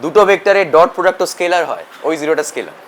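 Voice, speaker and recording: A man's voice: on the high side, big pitch swings, racing, a little hiss or hum. A male physics teacher with a Bengali accent lecturing a class, mixing Bengali and English and quizzing students.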